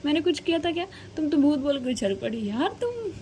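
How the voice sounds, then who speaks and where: A woman's voice: sits high, sing-song, fairly quick, dark tone, slight background noise, voice pushed up. A woman voicing a playful young woman who teases and mocks her scared cousin. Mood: mocking. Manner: playful, mocking. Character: teasing young woman who loves pranks.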